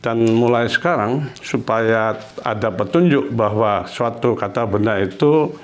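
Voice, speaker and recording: A man teaching a beginner language lesson, patiently repeating example sentences slowly. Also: on the low side.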